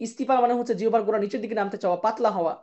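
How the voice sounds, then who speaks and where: A woman with a fairly high voice, teaching an online tajweed lesson at a quick clip. She chants Arabic terms slowly in pairs and keeps checking in with her listeners. The sound is dull and lo-fi. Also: darkish tone. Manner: explains patiently, checks in with "ঠিক আছে?" and "কেমন?". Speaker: Quran recitation teacher.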